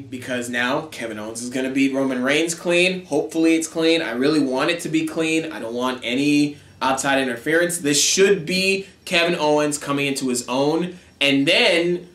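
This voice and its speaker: A man co-hosting a casual wrestling podcast, talking quickly with bursts of excitement and frequent laughter. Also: fairly high pitch. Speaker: wrestling show co-host. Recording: roomy echo.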